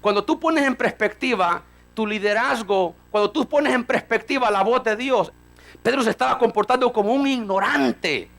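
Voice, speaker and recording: A man preaching a fiery sermon, rising to shouts and acting out dialogue between characters. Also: very high-pitched, normal speed, creaky. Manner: fiery, rising to shouts, acts out voices of Peter and God.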